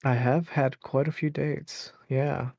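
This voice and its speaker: Gravelly-voiced man in his late twenties. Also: medium pitch, flat delivery, takes it slowly, a little mellow, no echo, clean studio sound. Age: late 20s. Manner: rambling, laughs a lot, many fillers. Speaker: podcast guest. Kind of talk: casual storytelling.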